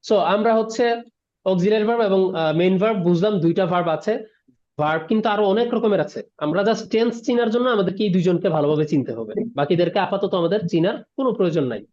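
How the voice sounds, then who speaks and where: Fast, high-voiced teacher. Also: male voice, a little mellow. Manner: explains word by word, mixing English terms, asks "ঠিক আছে?". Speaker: English teacher. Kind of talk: online class lecture. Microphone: video call. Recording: dull lo-fi online class audio.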